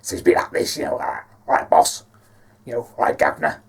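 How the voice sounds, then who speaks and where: A man voicing a gruff male detective with a damaged, breathy, raspy voice and a Scouse accent. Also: quick pace, far from the mic, lightly acted.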